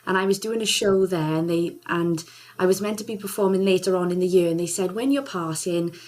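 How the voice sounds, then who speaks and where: In a relaxed interview, a woman who sings and serves as a charity ambassador talks fairly quickly in a lowish, darkish voice. Enthusiastic and bubbly, she laughs a lot throughout.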